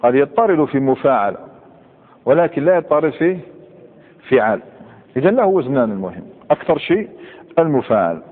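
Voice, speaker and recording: A man's voice: medium pitch, big pitch swings. Man with an Algerian accent, tinny hall recording. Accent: Algerian Arabic. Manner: quizzes students, recites verb patterns slowly. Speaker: Islamic scholar teaching Arabic grammar. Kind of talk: classroom lecture.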